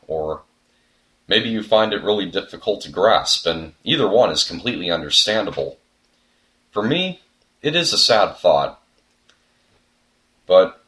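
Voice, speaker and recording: A man's voice: low voice, fairly bright tone. Earnest young man narrating a video essay. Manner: earnest, reflective, with sudden comic outbursts. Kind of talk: scripted commentary narration.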